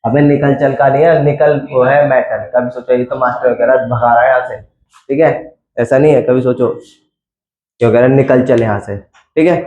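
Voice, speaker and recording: A man's voice: mid-range voice, fairly even intonation, moderate pace, a little mellow, highs cut off. A man teaching a science class in a chatty, coaxing lecture style, quizzing his students as he goes. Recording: echoey classroom.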